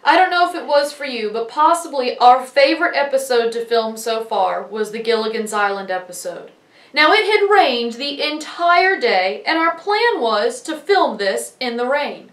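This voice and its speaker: Woman narrator, high voice, wry and light, recorded roomy and off-mic. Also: expressive, normal speed, fairly bright tone. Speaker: video narrator. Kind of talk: scripted voice-over narration. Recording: echoey and distant.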